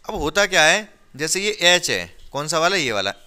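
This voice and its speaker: Leading his class through chemistry, this male science teacher speaks with a crisp, bright voice set slightly high, moving at a moderate pace with wide swings in pitch. He takes students step by step, firing questions and checking over and over that they understand.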